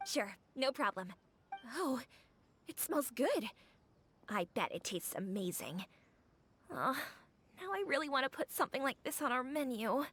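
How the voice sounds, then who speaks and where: A woman's voice: sits high, sing-song, measured pace, long pauses, fairly bright tone, exaggerated voice. A woman voicing a cheerful, eager young female restaurant owner in a game, upbeat and enthusiastic. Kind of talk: game character dialogue. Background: game music.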